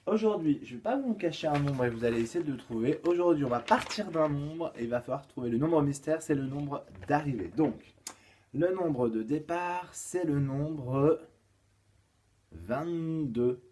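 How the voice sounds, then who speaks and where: A male kindergarten teacher giving a home-schooling lesson to young children. He counts aloud, sings a rhyme and reads riddles slowly and clearly. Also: a little high, animated, darkish tone, slight background noise.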